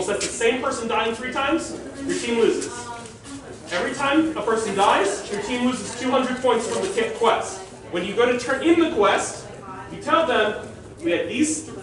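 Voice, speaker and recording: An organizer of a live-action roleplay event gives a loud, informal rules briefing to a group in a very high, projecting voice. A far camera picks him up in an open-sided concrete park pavilion that echoes heavily, with the crowd clearly audible around him.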